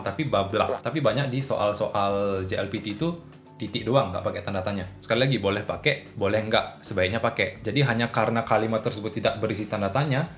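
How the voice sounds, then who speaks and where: A man's voice: lowish voice, fairly bright tone. A young man casually teaching a language lesson, chatty and patient, working through spoken examples. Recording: roomy echo with faint music.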